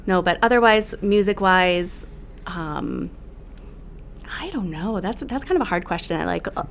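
Chatty woman with a gravelly low voice. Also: expressive, unhurried, slight background noise. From Illinois, USA. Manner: chatty, hesitant, full of fillers. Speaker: guest pastry chef. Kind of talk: casual podcast chat.

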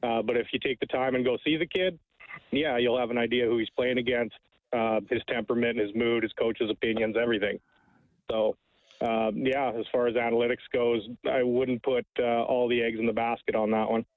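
A man's voice: medium pitch, level tone, brisk, dry recording. A man calling in to a radio show over the phone, a hockey scout giving his opinion bluntly. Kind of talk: call-in radio chat. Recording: tinny phone line.

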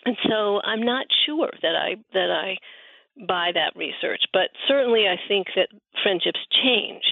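Heard over a narrow, phone-like connection, a woman with noticeable vocal fry answers interview questions. She talks conversationally and thoughtfully, halting as she works through anecdotes. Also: medium pitch, expressive, dry recording. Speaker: interview guest, researcher and writer on friendship. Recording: muffled, phone-like narrow band.

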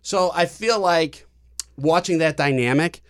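A man from Chicago chatting on a podcast, joking in a deadpan, mock-earnest way. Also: a little high, a little slow. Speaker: podcast guest. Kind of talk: casual chat.

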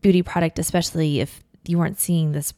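A woman hosts a podcast in a low voice, recorded dry on a close microphone. She asks brisk, prompting questions and backs the guest up with "mm-hmm". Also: steady tone, mellow, dry recording. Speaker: podcast host. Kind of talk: podcast interview hosting and ad read.

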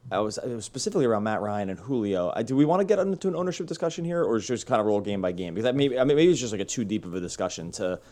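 Fast-talking male sports podcast host. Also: lowish voice, animated, darkish tone. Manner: rambling, self-correcting, upbeat. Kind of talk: casual sports podcast chat.

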